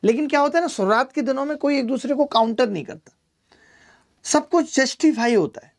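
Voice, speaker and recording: A man's voice: extremely high pitch, animated, brisk. A man teaching a live online maths class, chatty and teasing, who explains step by step and repeats key numbers. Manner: chatty, teasing asides to students by name.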